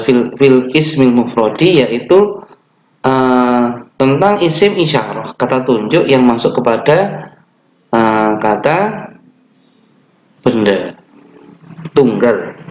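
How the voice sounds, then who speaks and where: Young indonesian guy teaching kids online, real slow and patient, echoey little room. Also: mid-range voice, a little hiss or hum. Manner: slow, patient explaining with fillers and self-corrections; chants the opening prayer. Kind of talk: online classroom lesson.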